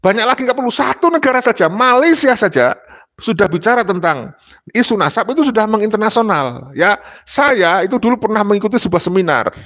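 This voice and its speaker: A man's voice: high voice, sing-song, fairly quick, fairly bright tone. A man from Indonesia speaking emphatically in a panel discussion, lecturing and repeating his points. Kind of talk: discussion talk.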